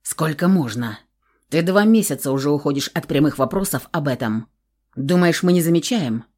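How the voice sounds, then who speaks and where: Audiobook: gruff, blunt young man, pressing and insistent, read by a woman in a lowered voice. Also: lively intonation, normal speed, a little mellow. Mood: demanding. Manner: blunt, swearing, low and insistent.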